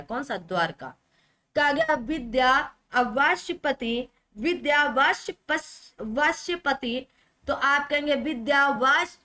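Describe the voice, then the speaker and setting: Bright high-voiced woman teacher drilling spelling. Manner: repeats words drilling correct spellings, asks and answers her own questions. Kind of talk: online exam-prep lesson.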